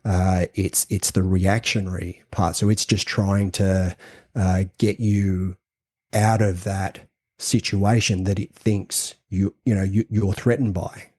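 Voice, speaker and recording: A man co-hosting a casual podcast conversation, explaining ideas in a halting way with many restarts and fillers. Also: low-pitched, little pitch movement, a little mellow, slightly rough, no echo, clean studio sound. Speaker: co-host.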